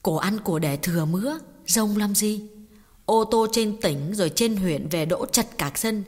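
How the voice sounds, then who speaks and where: A woman's voice: mid-range voice, measured pace, darkish tone, lightly acted. A woman voicing a sorrowful middle-aged mother recounting a family tragedy in an audio story. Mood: reminiscing. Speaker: audiobook voice actor. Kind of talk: audiobook drama reading. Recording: long reverb with faint music.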